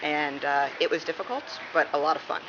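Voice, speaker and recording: Speaking fairly quickly in a low-pitched voice, this Massachusetts woman answers questions in an informal interview. She is a police dispatcher from the United States, and the room recording sounds muffled and clearly noisy.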